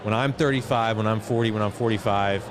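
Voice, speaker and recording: This is a middle-aged entrepreneur who chairs a foundation, talking as a guest in a thoughtful, conversational interview. His voice is lowish and steady, and he speaks a little quickly. Crowd noise, traffic and street ambience fill the outdoor setting.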